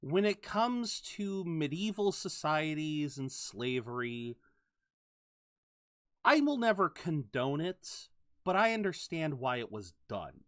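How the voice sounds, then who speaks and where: Animated, rambling male streamer. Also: on the high side, slow pace. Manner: animated, rambling, frequent restarts. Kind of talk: casual gameplay commentary.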